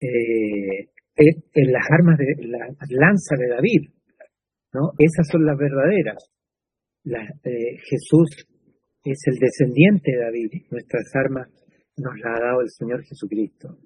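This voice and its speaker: A man's voice: medium pitch, a little slow, darkish tone, slightly rough, low-quality recording. A man with a Chilean Spanish accent preaching a sermon in a conversational way, with fillers and tag questions.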